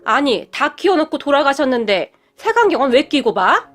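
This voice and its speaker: A woman's voice: high-pitched, big pitch swings, moderate pace, a bit bright, soft background music. A woman voicing a fiery, protective middle-aged mother-in-law who speaks out indignantly.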